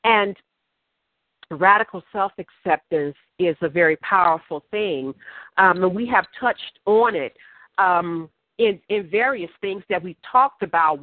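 A woman's voice: medium pitch, dry recording. A woman co-hosting a podcast, heard over a phone speaker, talking in a casual, rambling way with many ums and restarts. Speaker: podcast co-host. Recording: tinny dry phone line.

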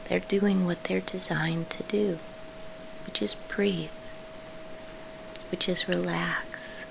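A woman leading a guided sleep meditation in a soft, soothing whisper, pausing between short phrases. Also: lowish voice, fairly even intonation, gravelly, noisy background.

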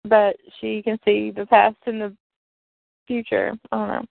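A woman's voice: mid-range voice, little pitch movement, unhurried, vocal fry, no room sound. A woman co-hosting a casual podcast from her home, recapping soap plots in a rambling, giggly way. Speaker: podcast co-host. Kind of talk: casual chat about soap operas. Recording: tinny phone-like line, dry.

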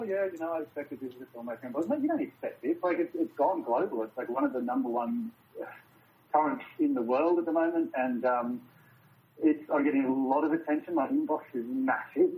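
A man's voice: fairly high pitch, phone-quality sound. An Australian man, a film director, chatting loosely as an interview guest and swearing freely. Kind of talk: casual interview chat.

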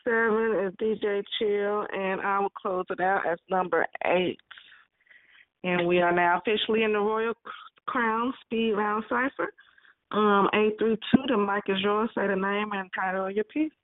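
Lady running a poetry call-in, brisk, dry tinny phone sound. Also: mid-range voice, no echo. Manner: brisk, directing the lineup. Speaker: host. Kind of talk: hosting a poetry open mic.

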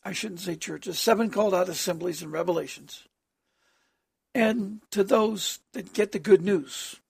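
A preacher with a harsh, hoarse voice, speaking haltingly in an extemporaneous sermon addressed as prayer, often clearing the throat. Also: medium pitch, darkish tone, dry recording, clean studio sound.

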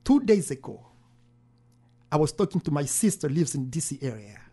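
A man's voice: on the high side, sing-song, moderate pace, warm tone, slightly rough. A man, a pastor, earnestly telling his story in an interview, often repeating phrases. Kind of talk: interview testimony.

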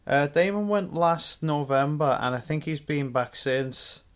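A man's voice: a little high, measured pace, a bit bright, clean tone. A young English man co-hosting a podcast, patiently explaining music trivia in casual album commentary. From England. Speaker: podcast co-host.

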